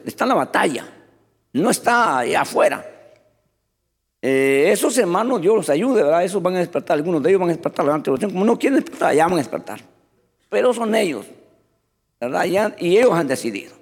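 Male pastor mid-sermon, lively and expressive, slightly high voice, reverberant hall. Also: breathy edge. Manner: animated preaching, often calling the congregation "hermano".

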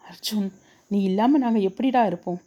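Lady doing a crying old mom, mellow voice, begging. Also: mid-range voice, normal speed, highs cut off, lightly acted. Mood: tearful. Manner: tearful, pleading. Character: grieving older mother at her son's bedside.

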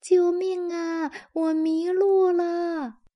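A woman reading a storybook, voicing a small lost teddy bear that cries for help in a high pleading voice. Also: measured pace, highs cut off. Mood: crying.

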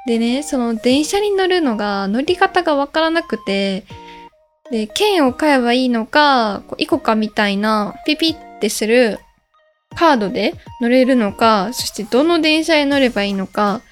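A woman hosting a podcast, telling a travel story in a lively, chatty way and acting out the people she quotes. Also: on the high side, moderate pace, soft background music. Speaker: podcast host. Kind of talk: casual radio talk, travel story.

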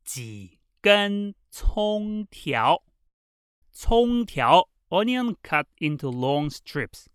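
A teacher reading a vocabulary lesson, saying each word clearly and repeating it twice. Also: mid-range voice, very animated, extremely slow, dry recording, studio quality. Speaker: Mandarin teacher. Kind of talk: slow bilingual vocabulary lesson.

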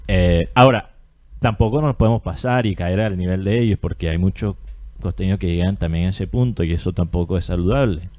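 A man's voice: deep voice, brisk, a little mellow. Argumentative costeño man, rhetorical questions. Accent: Colombian Caribbean coast. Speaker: podcast co-host. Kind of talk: casual opinion chat.

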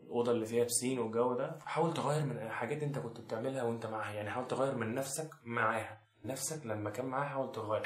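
A young man with an Egyptian accent delivering a sarcastic, mock-serious comic advice monologue to the camera. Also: medium pitch. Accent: Egyptian Arabic. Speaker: comedy vlogger. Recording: echoey room.

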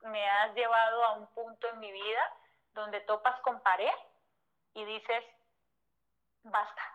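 A fairly high-voiced woman with a Mexican Spanish accent tells a heartfelt story of her own past, full of feeling and quick asides. She acts out the conversations she recalls. The recording sounds dull and lo-fi. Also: flat delivery, a bit bright, clear, resonant tone. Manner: emotional, vivid retelling that acts out past conversations, frequent "o sea" fillers. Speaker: guest, former model.

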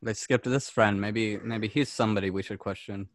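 A man's voice: lowish voice, fairly even intonation, moderate pace, no room sound. A man casually role-playing and describing actions as a player in a tabletop game. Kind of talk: casual role-play chat.

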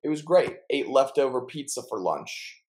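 A man's voice: medium pitch, animated, moderate pace, a little mellow, rough recording. A young man co-hosting a casual chat, telling stories in a chatty, jokey way and playfully mangling words. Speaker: podcast co-host.

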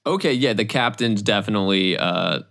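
A game master narrates a tabletop game. The voice is casual and quick, with lots of fillers, and the pitch moves in a lively way.

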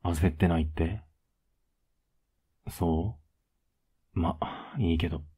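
Young boyfriend, played by a man, ASMR role-play. Husky, flat and unhurried, affectionate with gentle teasing. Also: heavily acted. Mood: tired, casual. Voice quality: low, husky, soft. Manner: laid-back, gently teasing, intimate.

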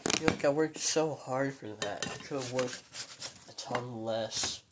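A young man in his late teens rambling through a solo podcast, hesitant and full of ums, sounding weary and low, recorded on a phone. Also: unhurried, very noisy. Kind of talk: rambling casual monologue.

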